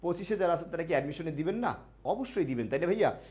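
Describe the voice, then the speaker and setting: A man runs a live online grammar lesson for admission students, asking questions he then answers himself and going over key words slowly. His pitch is a little high, with lively intonation and a darkish tone.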